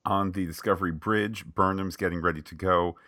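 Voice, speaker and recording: Deep-voiced guy with a sharp bright edge, rambly recap full of uhs and jokes, dry close sound. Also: steady tone, a little fast, no echo. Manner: wordy, with many "uh" fillers and jokey tangents. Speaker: podcast co-host. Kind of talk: recapping an episode in casual chat.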